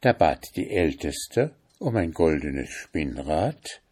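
A man reading a fairy tale aloud in a slow, expressive storytelling manner. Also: very deep voice, breathy edge. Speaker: reader.

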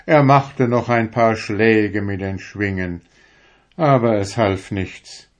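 A man narrating a fairy tale as a storybook reading, as a lively storyteller. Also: lowish voice, slow. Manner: lively storyteller, voices the animals.

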